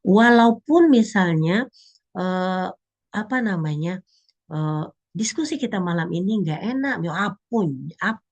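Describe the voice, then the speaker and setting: Gravelly low-voiced woman giving a religious talk. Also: unhurried, dull audio. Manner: animated, acts out little prayers and complaints. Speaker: religious speaker.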